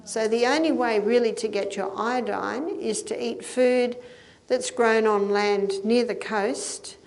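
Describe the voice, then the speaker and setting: A woman's voice: on the high side, unhurried, darkish tone. An older woman giving a health lecture to an audience, explaining step by step and checking in with listeners. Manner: explanatory, with occasional laughs and checking questions.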